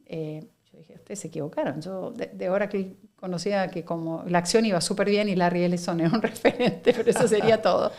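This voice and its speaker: In a conversational interview, a company director from Argentina, a middle-aged woman with an Argentine Spanish accent, answers as a guest. Her medium-pitched voice is steady and a little mellow, and she is reflective and measured, often laughing and using fillers.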